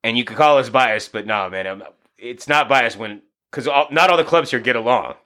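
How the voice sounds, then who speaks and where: On a podcast, a thirty-something boxing coach who used to DJ spins profane, casual stories, breaking into quick acted-out asides. He speaks in a mid-range voice that sounds pushed and bright.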